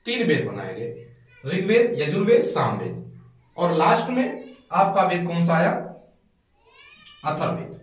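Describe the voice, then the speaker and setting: Echoey man teaching, lively pitch. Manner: asks questions and answers them himself; repeats key words slowly for students to note down. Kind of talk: classroom lecture. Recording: echoey room, mic far off.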